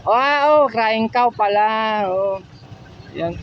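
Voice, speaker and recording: Chatty high-voiced Filipino man vlogging. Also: lively intonation, very slow, dull audio, slight background noise. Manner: chatty, asks prices, addresses viewers as friends. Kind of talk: casual walk-through vlog. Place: outdoor market stalls.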